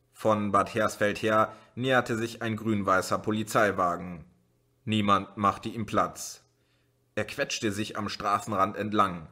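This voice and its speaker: Man reading an audiobook, lowish voice, steady and even, crisp bright tone. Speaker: audiobook reader. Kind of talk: scripted audiobook narration.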